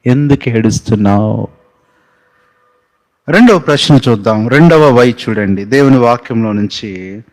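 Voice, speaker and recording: Male pastor, measured sermon delivery, emphatic repeated questions. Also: mid-range voice, animated, darkish tone, rough recording. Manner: preaching with emphatic rising questions and sung hymn lines.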